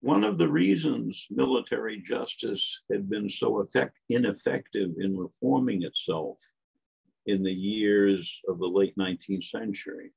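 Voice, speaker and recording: Older male guest lecturer, low gravelly voice, emphatic academic delivery with asides, muffled lo-fi audio. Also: darkish tone. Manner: measured, emphatic, with frequent asides. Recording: dull lo-fi lecture recording.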